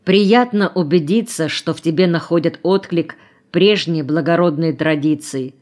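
Woman reading a calm, stern grown man. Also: deep voice, close to an everyday voice. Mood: calm firm. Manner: calm, measured, authoritative. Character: stern composed grown man, an officer type.

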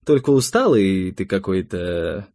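A man doing a sardonic sharp-tongued witch. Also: deep voice, lively intonation, measured pace, heavily acted. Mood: dry. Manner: mocking, curt. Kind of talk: audiobook character reading.

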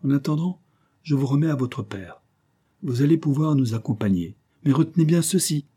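A man voicing a stern, mysterious avenger in a storybook reading, solemn and measured. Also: medium pitch, lively intonation, mellow, breathy edge, pitched above the performer's own voice. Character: stern mysterious male avenger, cool and commanding.

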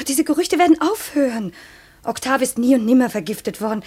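A fragile, emotional widow in a 1950s radio play. Her voice is high and breathy, and it often sinks to a whisper. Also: animated, brisk, a little mellow. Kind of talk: 1950s radio drama acting.

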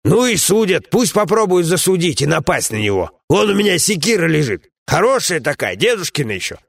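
A man voicing a fat bearded cave-dweller, loud, boisterous and quarrelsome. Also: a little high, big pitch swings, brisk, creaky, pitched above the performer's own voice, full character voice. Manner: loud mocking squabbling.

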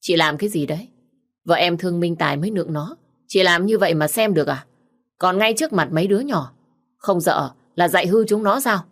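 A woman's voice: on the low side, animated, brisk. A woman voicing a protective young husband in a story reading, firm and reassuring. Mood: indignant.

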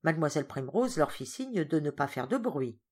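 Brief: woman narrator, low-pitched, very lively intonation, expressive storytelling. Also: moderate pace, slightly rough. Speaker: audiobook reader. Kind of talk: scripted narration.

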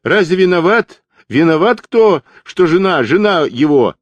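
A man voicing a cocky curly-haired young male partisan who mumbles gossip in a quick patter, in an audiobook. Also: sing-song, no echo, highs cut off. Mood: shrill outrage. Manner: mumbling patter, rising to shrill shouts.

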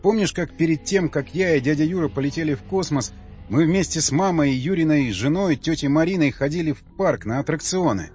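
A man's voice: fairly high pitch, brisk, darkish tone, highs cut off, soft background music, voice pushed up, natural voice. A male narrator voicing an older male cosmonaut, an emotional father who pleads with a trembling voice. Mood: pleading.

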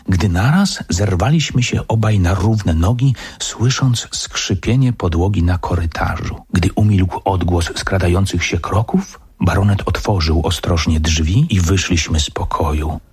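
A man reading a serialised story for radio as the narrator, measured and storytelling. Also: low voice, animated, a little mellow, slightly rough. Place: radio studio.

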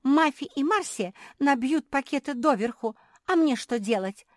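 A woman's voice: high-pitched, animated, moderate pace, no room sound, voice pushed up. A woman voicing a small, tearful female dog who whines and pleads close to tears, in an audiobook. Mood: sobbing. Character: high-pitched tearful little female dog. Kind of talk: audiobook character voice.

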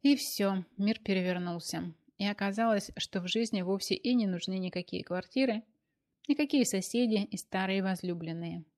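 A woman narrating an audiobook in a lively, expressive storytelling manner. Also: mid-range voice, normal speed.

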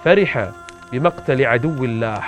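A man's voice: medium pitch, normal speed, soft background music. A man preaching in a vivid, dramatic storytelling manner as he recounts a religious history.

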